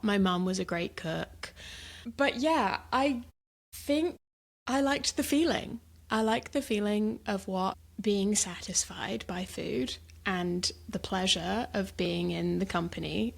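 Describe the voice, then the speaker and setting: A woman in her thirties from the south of England, with a southern English accent, chatting as a guest in a casual interview, self-deprecating and quick to laugh. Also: lowish voice, gravelly. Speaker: guest, supper club founder.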